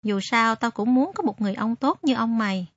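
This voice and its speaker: A woman's voice: a little high, animated, brisk, no echo. A woman voicing a loyal, tearful homeless teenage boy who shines shoes, reading his letter earnestly. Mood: warm. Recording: dry, slightly muffled recording.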